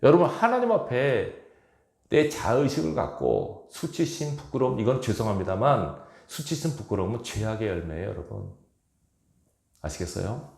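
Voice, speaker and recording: A man's voice: lowish voice, sing-song, moderate pace, gravelly, a little mellow. A male pastor preaching a sermon with emphasis, asking his congregation rhetorical questions, recorded in an echoey church hall. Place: church sanctuary.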